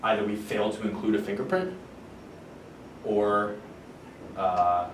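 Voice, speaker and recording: A man with a fairly low voice explains technical details informally, often halting to think aloud. He sounds some distance from the microphone in an echoey room, with clear rumbling noise behind him. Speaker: engineer giving a technical talk and answering questions. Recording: roomy, far microphone, noticeable low rumble.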